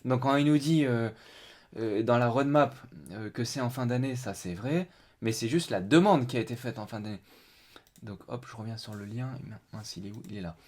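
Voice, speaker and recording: A man's voice: mid-range voice, normal speed, a little mellow. A man hosting a casual live stream, thinking aloud as he goes through a web page, with many fillers and restarts. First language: French.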